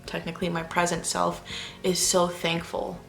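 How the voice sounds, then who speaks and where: A woman's voice: fairly low pitch, completely flat delivery, normal speed, creaky, faint music behind. A young adult woman vlogging at home late at night, talking in a chatty, rambling way and keeping her voice down while her family sleeps. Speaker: parenting vlogger. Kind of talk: casual talk to camera. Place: house at night, family asleep.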